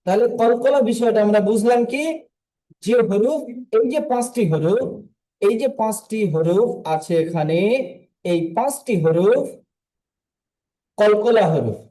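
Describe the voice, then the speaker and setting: A man's voice: high voice, lively intonation, unhurried, pauses often, warm tone, rough recording. A man teaching a tajweed lesson online, patiently repeating letters and drilling the sounds again and again. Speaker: Quran recitation teacher.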